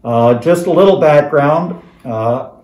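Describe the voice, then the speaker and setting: An American man in his seventies, a retired teacher, talks informally to students in a halting way, slightly muffled through a face mask. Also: fairly high pitch, a little mellow. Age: 70s. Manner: halting, pausing often. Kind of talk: informal recorded talk to students, reminiscing. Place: dining room of a historic house. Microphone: camera across a table. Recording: roomy indoor echo.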